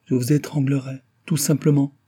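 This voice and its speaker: A man voicing an earnest young valet who pleads and insists in a storybook reading, with a raised, husky voice. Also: medium pitch, level tone, normal speed, dark tone, pitched above the performer's own voice, close to an everyday voice. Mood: insistent.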